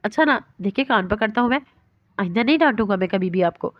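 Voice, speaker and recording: A woman voicing a tender young man who speaks softly and coaxingly on the phone, in a dry, slightly dull recording. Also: medium pitch, animated, no room sound, lightly acted.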